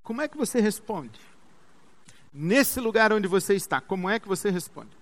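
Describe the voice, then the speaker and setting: A man's voice: high voice, expressive, normal speed, fairly bright tone. A man with a Brazilian Portuguese accent preaching a sermon, emphatic and repetitive, with rhetorical questions.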